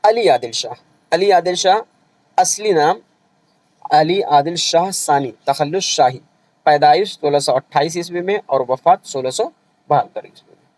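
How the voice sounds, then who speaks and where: A man's voice: fairly high pitch, normal speed, long pauses, darkish tone, no room sound, rough recording. Patient man teaching an exam-revision lecture. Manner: explains patiently, repeats points, often checks with "theek hai". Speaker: Urdu exam-prep teacher.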